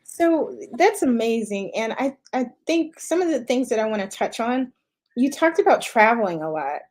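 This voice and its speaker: Higher-voiced woman podcast host. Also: expressive, normal speed. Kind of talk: casual interview chat.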